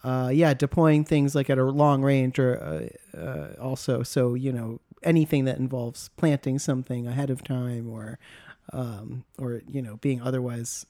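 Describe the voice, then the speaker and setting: A man's voice: medium pitch, measured pace, dark tone, dry recording, studio quality. A man in a casual podcast discussion, hesitant and a little skeptical, trailing off as he thinks. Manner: hesitant, skeptical, laughs easily.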